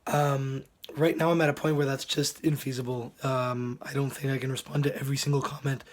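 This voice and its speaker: A man with a hoarse, sick voice that is giving out gives casual commentary as a game reviewer, often clearing his throat. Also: mid-range voice, little pitch movement, brisk.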